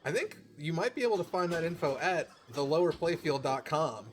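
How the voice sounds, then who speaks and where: A man's voice: a little high, lively intonation, brisk, a little hiss or hum. A man giving casual, joking live commentary on a pinball game, laughing often. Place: pinball arcade.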